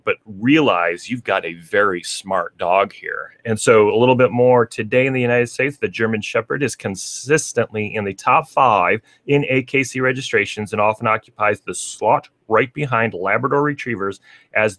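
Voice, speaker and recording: A man's voice: lowish voice, normal speed, a bit bright, no echo. A man hosting a casual radio talk show, reading facts aloud with chatty asides and frequent laughs. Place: radio studio.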